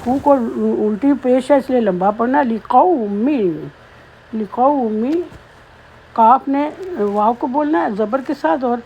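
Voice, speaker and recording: A woman teaching Quran recitation, patiently explaining pronunciation between slowly chanted verses. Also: high voice, mellow. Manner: slow melodic chanting of verses, then patient spoken explanation. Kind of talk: tajweed lesson, recitation with explanation.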